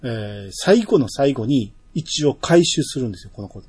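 A man's voice: mid-range voice, animated, moderate pace, darkish tone, husky. A man with a Kansai accent chatting casually as podcast co-host, laughing often and stretching his fillers. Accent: Kansai Japanese. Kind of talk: casual chat.

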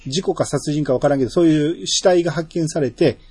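A man's voice: fairly high pitch, fast talker, warm tone, husky. A man with a Kansai accent chatting casually as podcast co-host, laughing often and stretching his fillers. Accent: Kansai Japanese. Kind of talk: casual chat.

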